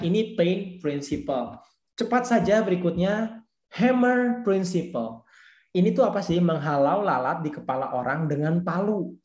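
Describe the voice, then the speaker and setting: A man leads a church youth discipleship class with a warm, mellow voice. He talks casually, in slang, and says his key points twice. The recording has a roomy echo. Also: on the high side. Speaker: youth ministry leader.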